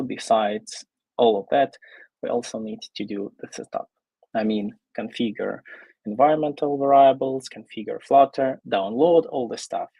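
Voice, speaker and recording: A man from Ukraine, presenting an online tech talk as a software developer, casual and full of fillers. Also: medium pitch, creaky, husky, no room sound, poor audio. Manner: casual, pausing often with fillers.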